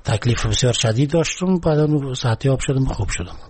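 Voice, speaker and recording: A man in his forties with an Afghan accent answering interview questions spontaneously, pausing often as he goes. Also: medium pitch, darkish tone, slightly rough. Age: 40s. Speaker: interviewee, government employee.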